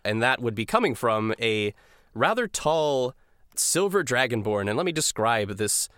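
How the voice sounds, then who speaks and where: A man's voice: mid-range voice, big pitch swings, measured pace, fairly bright tone, clear, resonant tone, no room sound, clean studio sound. A man narrating a tabletop game as game master in a casual, chatty way.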